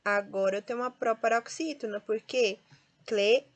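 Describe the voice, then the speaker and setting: A woman's voice: on the high side, measured pace. A woman teacher with a Brazilian Portuguese accent who explains step by step and draws out each example word. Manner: explains step by step, often adds tag questions; stresses and drawls out example words. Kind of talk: classroom lesson.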